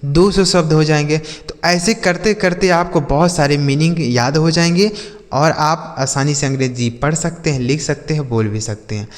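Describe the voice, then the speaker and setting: A man teaching English vocabulary from Hindi, spelling each word letter by letter and slowly repeating every example sentence. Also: on the high side, in a large hall. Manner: asks the listener questions and answers them himself. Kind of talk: slow, drilled vocabulary lesson.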